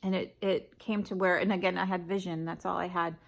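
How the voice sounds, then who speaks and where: A woman telling her own story in a reflective, hesitant way, with frequent pauses and fillers. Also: lowish voice, flat delivery, creaky. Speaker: storyteller sharing a personal experience. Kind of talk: personal testimony.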